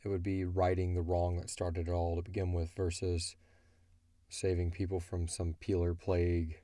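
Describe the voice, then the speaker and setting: The audio drama creator's voice is low-pitched, dark and monotone, moving at a moderate pace with no echo. Fielding listener questions, he talks through his story in a rambling, colloquial way, regularly voicing characters' thoughts.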